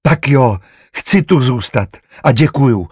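A man voicing a naive, cheerful young housemaid in an audiobook, speaking artlessly with a husky voice. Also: medium pitch, expressive, darkish tone, dry recording, studio quality. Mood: eager.

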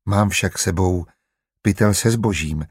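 A male reader plays a humble preacher on the run in a storybook. He speaks calmly and quietly in a deep, soft, husky voice, recorded close and dry. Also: no room sound. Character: humble hunted preacher, calm and grateful.

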